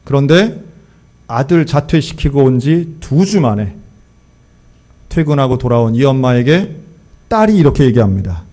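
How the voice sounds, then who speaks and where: A man preaching a sermon, telling a story and acting out the quoted lines in lively voices. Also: medium pitch, normal speed, pauses often. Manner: animated, acts out quoted dialogue. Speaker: pastor.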